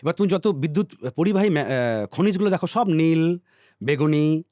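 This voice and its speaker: A man's voice: fairly high pitch, lively intonation, normal speed. Guy explaining stuff on a podcast, keeps going "all right?", dry close sound, no echo. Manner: teacherly, checks in with "all right?" often; repeats words, trails off softly. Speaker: podcast guest.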